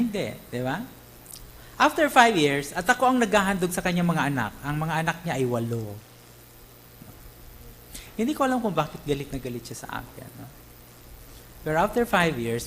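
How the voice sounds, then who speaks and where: A man from the Philippines, a pastor, preaching in an animated way, mixing in English and asking his listeners questions as he goes. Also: a little high, a little hiss or hum, rough recording. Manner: animated, mixes English, tag questions, acts out quotes. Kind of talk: Tagalog sermon.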